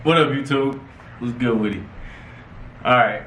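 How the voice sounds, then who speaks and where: A man's voice: medium pitch, measured pace, fairly bright tone. A young American man casually telling a story to friends in a laid-back, slangy way. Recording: echoey room, faint background noise.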